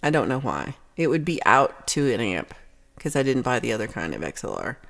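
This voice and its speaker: A young woman with a Texan accent chats casually on her livestream, reading viewers' comments aloud and rambling along. Her voice is very deep yet a bit bright, very animated, and fairly quick.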